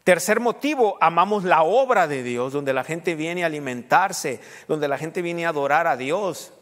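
A middle-aged male pastor preaches in a church hall, where a long echo trails each phrase of his high voice. With lively intonation and a moderate pace, he speaks emphatically, rising to loud, higher peaks as he counts off his points.

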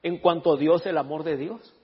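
Husky preacher in an echoey church hall. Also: male voice, on the high side, normal speed. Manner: animated storytelling, joking with the congregation; reads scripture in English and Spanish. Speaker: pastor. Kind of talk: sermon. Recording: echoey hall, dull lo-fi sound.

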